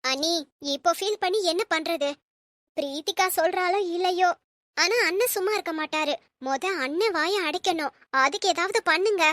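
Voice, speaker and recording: A woman's voice: very high voice, normal speed, a bit bright, no echo. A woman playing a loyal, meddling younger sister-in-law in a family drama skit, urging and conspiratorial. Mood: conspiring.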